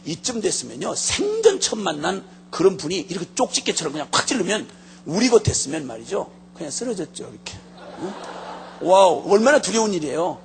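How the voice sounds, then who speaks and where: A man preaching a sermon as pastor, telling stories in a lively way with comic asides. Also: sits high, a little fast, vocal fry, slight background noise.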